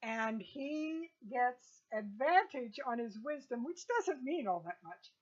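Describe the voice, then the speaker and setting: A woman narrating a tabletop game as game master, relaxed and laughing easily. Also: high voice, takes it slowly, muffled recording.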